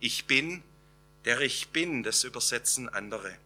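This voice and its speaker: A man preaching a sermon, slow and emphatic, with dramatic pauses between phrases. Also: medium pitch, expressive, bright, forceful tone.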